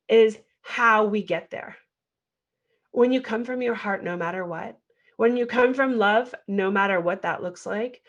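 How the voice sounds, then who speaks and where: A woman hosting a podcast, speaking in an earnest, exhorting motivational monologue that leans on rhetorical questions. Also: medium pitch. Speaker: podcast host.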